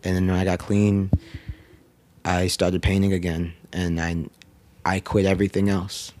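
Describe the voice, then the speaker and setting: A man in his 30s, a painter guest, speaks reflectively in a casual interview recorded in an indoor studio with mic arms. His voice is low-pitched, level and a little mellow, delivered a bit slowly with no echo, and he leans heavily on "like" and "um."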